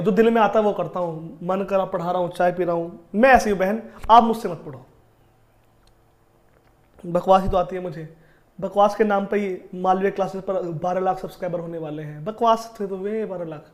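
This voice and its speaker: A young man teaching a live online math class with a sore throat, chatty, talking straight to his students and drifting into stories. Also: sits high. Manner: chatty, addresses students directly, digresses into stories. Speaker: online exam-prep teacher.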